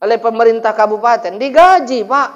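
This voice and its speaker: A male preacher with a lilt delivers a humorous sermon at a mosque gathering. He keeps the telling lively and animated, turning to the men in the hall again and again. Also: very high voice, a little fast, dull audio. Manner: lively, animated, often addresses listeners as "Pak". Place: mosque gathering after dawn prayer.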